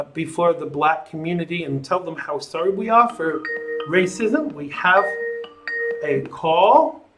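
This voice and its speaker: A man's voice: on the high side, poor audio. A man hosting a live call-in show, talking in an opinionated, sardonic and conversational way.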